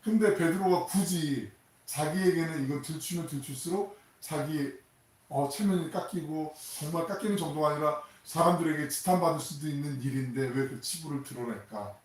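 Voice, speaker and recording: A male pastor preaching a sermon in a conversational, animated way, often putting questions to the congregation. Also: on the high side, normal speed. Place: church sanctuary. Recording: echoey church sound from a distant mic.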